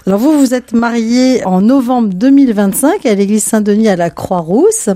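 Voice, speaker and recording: Soft-spoken woman hosting a studio interview. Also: on the high side, expressive, moderate pace, no room sound. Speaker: radio show host. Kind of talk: radio interview. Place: radio studio.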